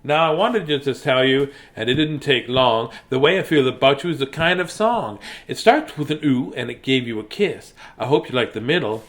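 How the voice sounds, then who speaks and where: This bedtime storyteller is a man with a medium-pitched, fairly bright voice, animated and moderately paced with few pauses. He talks casually and reads to viewers in a goofy, playful style, adding singsong scatting.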